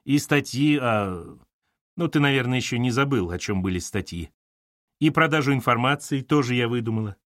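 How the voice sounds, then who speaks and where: A man's voice: mid-range voice, lively intonation, normal speed, a bit bright, no room sound, clean studio sound, lightly acted. A man reading an audiobook, voicing a distraught young woman who answers sharply and defensively. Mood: upset.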